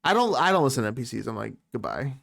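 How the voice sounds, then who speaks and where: A man's voice: medium pitch, very animated, very fast, creaky, a bit bright, no echo, studio quality. A man co-hosting a podcast in playful casual chat, laughing often. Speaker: podcast co-host.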